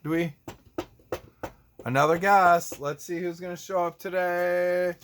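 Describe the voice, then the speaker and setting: A man who is a children's show host and teacher chats casually with kids, showing off toys in a goofy, theatrical style with silly exclamations. His voice sits high and a bit bright, with fairly even intonation and an unhurried pace, against slight background noise.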